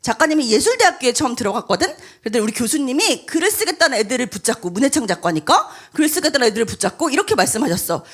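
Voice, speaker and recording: A woman's voice: high-pitched, racing, hardly any pauses. A woman speaking to teenagers at a church retreat, telling a story and acting out its dialogue. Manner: lively storyteller who acts out dialogue. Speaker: guest speaker and author. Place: church hall at a youth retreat.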